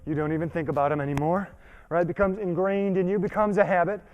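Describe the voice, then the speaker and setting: Over a muffled recording, a man with a high-pitched, steady voice talks fast as he leads a workout. As the fitness trainer, he delivers an emphatic, conversational motivational talk with frequent check-ins. He's working hard and getting winded, and some breathlessness shows.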